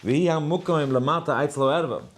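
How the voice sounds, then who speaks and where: A man's voice: a little high, a little fast. A man giving a Torah class, telling a parable in a rambling way with many fillers and English words mixed in. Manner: chants verses in a sing-song. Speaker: rabbi giving a daily class. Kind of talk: Torah lecture in story form.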